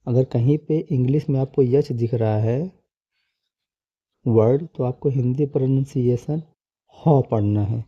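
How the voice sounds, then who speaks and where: A man's voice: mid-range voice, measured pace, breathy edge, no room sound, lo-fi sound. A man teaching English letter sounds in Hindi, patient and repeating each sound several times. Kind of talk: slow, explanatory Hindi lesson.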